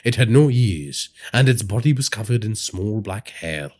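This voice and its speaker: Brief: a male horror storyteller with a husky voice and dramatic delivery. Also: on the low side, moderate pace. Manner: dramatic storytelling with lively inflection. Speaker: narrator. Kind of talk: scripted horror narration.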